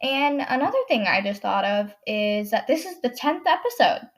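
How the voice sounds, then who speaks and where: A teenage girl hosts a podcast with a stuffed-up nose, telling a story in a casual, rambling monologue packed with fillers and self-corrections. Her voice is slightly high and expressive, at a normal speed.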